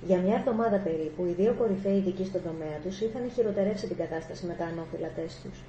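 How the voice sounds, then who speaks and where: A woman narrating a short story in a steady audiobook reading. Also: on the low side, lo-fi sound, a little hiss or hum. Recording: echoey room, faint ambience.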